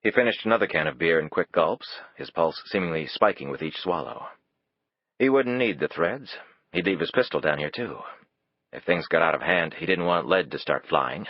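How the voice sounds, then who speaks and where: A man reading an audiobook in measured, even scripted narration. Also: sits low, no echo. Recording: dull, dry, lo-fi.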